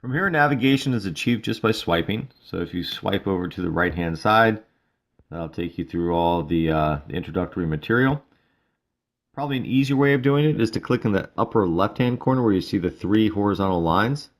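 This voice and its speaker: A male instructor giving a relaxed, casual walkthrough of a mobile study app, with frequent fillers. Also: on the low side, brisk. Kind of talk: screen-recorded app tutorial.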